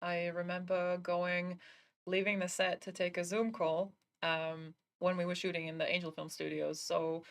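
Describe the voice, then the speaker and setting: A woman's voice: on the low side, little pitch movement, moderate pace. A woman hosting a live interview stream, upbeat and laughing often. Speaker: stream host.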